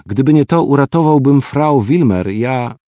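A man's voice: mid-range voice, lively intonation, normal speed, mellow, no room sound, clean studio sound, voice pushed up, lightly acted. A man voicing a defiant teenage boy in uniform who sounds resentful and shaky, in an audiobook.

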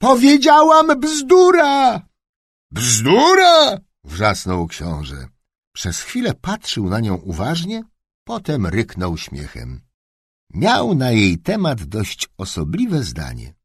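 A man giving an expressive, wry storybook narration as an audiobook narrator. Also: deep voice, slow pace, slightly rough, no echo, clean studio sound.

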